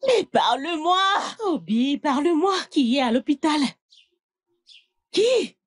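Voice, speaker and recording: A woman's voice: high-pitched, big pitch swings, slow, exaggerated voice. A woman dubbing an anxious mother in a film drama, pressing with urgent questions. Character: anxious mother of an injured daughter.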